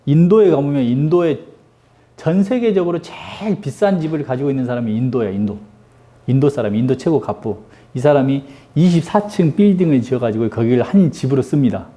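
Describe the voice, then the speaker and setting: A man's voice: mid-range voice, expressive, a little fast, dark tone. A middle-aged man teaching an English grammar lesson, joking and teasing his students with constant rhetorical questions. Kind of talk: lively classroom lecture.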